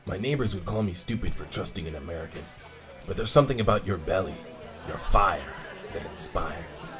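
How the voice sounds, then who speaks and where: An actor playing a scheming foreign official who speaks in stiff, grand tones. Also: male voice, low voice, animated, fairly quick, over music. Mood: flattering.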